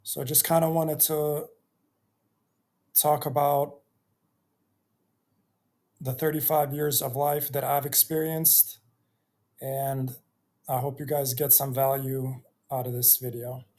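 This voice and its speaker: Slow, reflective man in his thirties. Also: mid-range voice, level tone, darkish tone. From Bosnia and Herzegovina. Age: 30s. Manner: slow and reflective, with many pauses and fillers. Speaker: YouTuber. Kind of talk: personal storytelling vlog.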